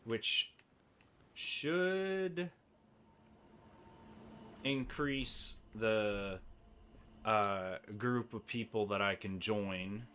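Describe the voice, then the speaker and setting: A man's voice: lowish voice, fairly even intonation, drawn-out words, bright, forceful tone, a little hiss or hum. A man giving rambling, joking commentary to himself while playing a game. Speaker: gameplay streamer. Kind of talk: casual gameplay commentary.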